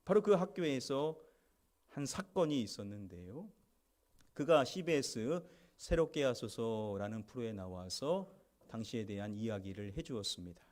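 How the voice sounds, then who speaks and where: A man's voice: mid-range voice, very animated, moderate pace, a little mellow. A man, a senior pastor, preaching a Sunday sermon in a church, retelling a story and leading into a video for the congregation. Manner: introducing a video clip to the congregation. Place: church sanctuary.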